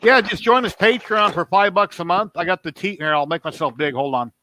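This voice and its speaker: Bright-voiced man in his fifties. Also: high voice, brisk. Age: 50s. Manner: rambling storyteller. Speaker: livestream host. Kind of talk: casual chat.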